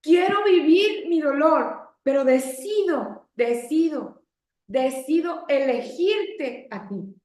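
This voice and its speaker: A woman's voice: sits high, lively intonation, slow pace, a little mellow. A woman giving an impassioned religious testimony, pleading and asking rhetorical questions. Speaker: lay preacher. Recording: echoey room.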